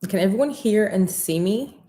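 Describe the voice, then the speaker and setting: An American woman from Orlando, Florida, talking with new braces as she hosts a casual live makeup class, upbeat, excited and slangy in chatting with viewers. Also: mid-range voice, moderate pace. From Orlando, Florida, USA. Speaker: makeup workshop host.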